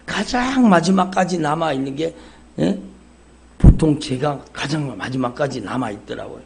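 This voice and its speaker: A male pastor preaches fervently in a church sanctuary, captured on a live church service stream, repeatedly calling out to the congregation with "여러분" and "정말로." His voice is a little high, animated, creaky, and darkish in tone, at a normal speed.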